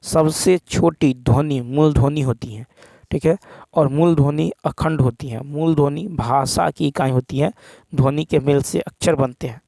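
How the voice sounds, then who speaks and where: Man, teacher, exam practice lesson, repeats answers, gravelly voice, dry close sound. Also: on the high side, warm tone, dry recording. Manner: repeats answers slowly for dictation.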